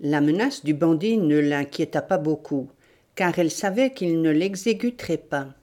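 A woman narrating a novel as an audiobook, in a measured, deliberate reading. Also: deep voice, animated, dark tone. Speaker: audiobook reader.

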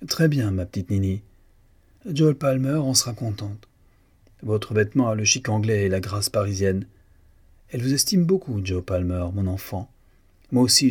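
A man voicing a fussy, sugary old English forewoman in a dressmaking workshop, his husky voice lifted higher for her. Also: a little mellow. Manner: sugary, coaxing, then fussy.

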